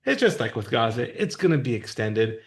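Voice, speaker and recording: A man's voice: medium pitch, sing-song, moderate pace. A man co-hosting a podcast, explaining politics in a casual, thoughtful, plain-spoken way. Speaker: podcast co-host. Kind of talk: casual discussion.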